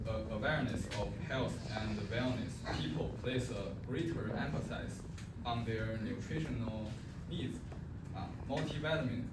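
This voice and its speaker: Slow halting man, distant and echoey. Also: medium pitch, very noisy. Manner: halting, with frequent uh fillers. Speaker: host presenting a student project. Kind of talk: slow read-out presentation. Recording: roomy, far from the mic, loud background ambience.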